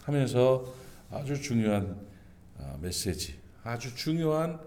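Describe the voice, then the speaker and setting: A man preaches at a dawn church service in a lively, swinging voice. His pitch climbs sharply on emphatic points and sinks low on quieter asides, and his delivery stays earnest throughout. The voice sits at a medium height for a man. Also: slow pace. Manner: earnest preaching with sudden rises and drops in pitch. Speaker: pastor. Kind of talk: sermon. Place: church sanctuary.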